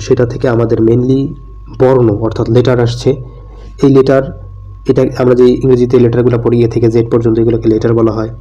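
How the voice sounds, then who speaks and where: Man teaching grammar in a dark voice. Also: medium pitch, dull audio. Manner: explains step by step, asks and answers his own questions; mixes English terms into his talk. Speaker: English teacher. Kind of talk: classroom grammar lesson.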